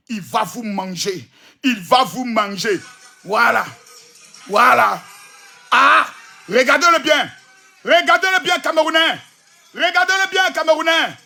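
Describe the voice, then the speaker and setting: A man with an Ivorian French accent delivers a teasing, repetitive monologue, often shouting. His voice sits high and sounds bright and forceful. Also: creaky. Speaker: social media commentator. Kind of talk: animated provocative monologue.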